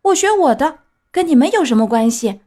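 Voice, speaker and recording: Brief: woman reading as a boastful boy puppet, high, lively, cheeky storybook kid. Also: a little fast. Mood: defiant. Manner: high, loud, playful child voice. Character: mischievous boy wooden puppet, cocky and boastful.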